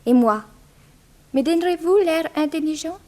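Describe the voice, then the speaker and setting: The actress, voicing a proud, daring Russian immigrant girl of eighteen in 1960s French radio drama, has a high, natural voice with a darkish tone at normal speed. She comes across as self-assured, cheeky and chatty.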